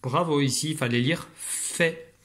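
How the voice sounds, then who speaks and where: Unhurried and a little high, with a fairly bright tone, a male primary school teacher guides young children through a reading lesson on video. He records at a desk computer at home, patient and encouraging.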